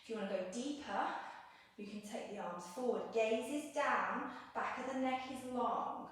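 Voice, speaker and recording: A woman yoga instructor giving gentle, encouraging step-by-step cues, slightly out of breath as she moves along. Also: on the high side. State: slightly out of breath while moving. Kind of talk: guided yoga class cueing. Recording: echoey room, mic set at a distance.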